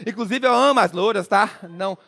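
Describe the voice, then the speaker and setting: A man's voice: high voice, brisk, creaky, a bit bright. A man from Minas Gerais with a mineiro Brazilian accent, giving a playful comic stage talk and teasing the audience with jokes. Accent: Minas Gerais Brazilian Portuguese. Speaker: motivational speaker.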